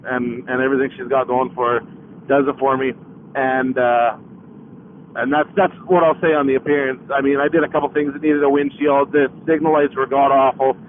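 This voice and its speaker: A man chatting casually and ramblingly as a motovlogger, talking from inside his motorcycle helmet while riding. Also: medium pitch. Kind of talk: casual, rambling vlog talk. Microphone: helmet mic. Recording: muffled, phone-like helmet mic with noise.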